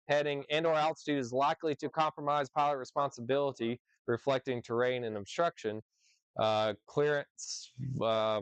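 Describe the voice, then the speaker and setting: A flight instructor with a smooth, medium-range voice teaches in a relaxed way on a dry recording. Rules get read out and then talked through conversationally, with frequent "right?" check-ins along the way.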